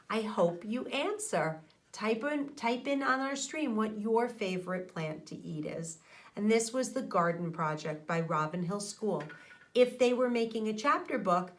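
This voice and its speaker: A middle-aged woman with a medium-pitched voice, an elementary teacher, reads aloud and talks expressively straight to young kids. She's indoors, right up against a microphone on a boom arm.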